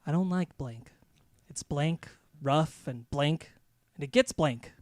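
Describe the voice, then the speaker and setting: A man hosting a movie-quote game, reading a line in a soft, dreamy, faraway voice with a slow, hushed delivery. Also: on the high side, no room sound. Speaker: quiz host.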